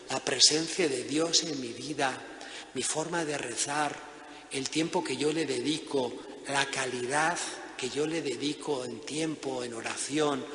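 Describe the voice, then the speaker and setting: A male priest giving a Lenten conference talk in a lively, animated manner. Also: mid-range voice. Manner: lively, acts out voices in anecdotes. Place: monastery church or hall. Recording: echoey hall with long reverb.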